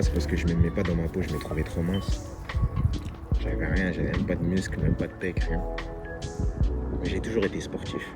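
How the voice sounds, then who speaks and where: A twenty-year-old man giving a casual motivational monologue as a vlogger, earnest and repeating his key phrases. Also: low-pitched. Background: loud music.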